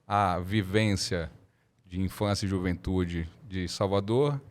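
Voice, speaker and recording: A Brazilian man in his thirties, a lawyer telling his story as a podcast guest in a measured, reflective way. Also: deep voice. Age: 30s. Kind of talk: casual interview talk.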